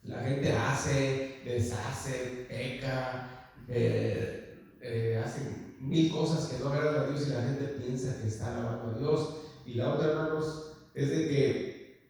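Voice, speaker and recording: A man preaches an earnest sermon, calling out to his brothers and pausing over filler words. His mid-pitched voice rings through a church hall with long, heavy reverb. He stands some distance from the mic. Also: steady tone, darkish tone. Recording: echoey hall, mic far off.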